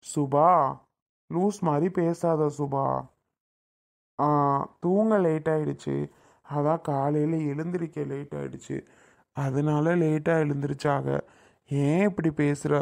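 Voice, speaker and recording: A woman's voice: low voice, steady tone, slow, gravelly, pauses often, mellow, exaggerated voice. A woman playing an emotional grown man, a doting elder brother who sulks and pleads in a family comedy skit. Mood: calm. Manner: pleading, tearful and sulky.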